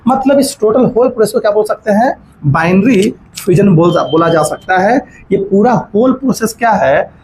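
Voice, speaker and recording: Male biology lecturer, high voice, quizzing tone, dictates notes word by word. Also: a little mellow, a little hiss or hum, poor audio. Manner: asks rhetorical questions and checks understanding; mixes in English terms while dictating notes slowly. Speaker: biology teacher. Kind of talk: classroom lecture.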